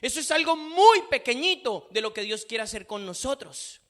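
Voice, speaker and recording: A man's voice: very high-pitched, big pitch swings, moderate pace, a bit bright. A man preaching a sermon, reading scripture aloud and repeating phrases for emphasis.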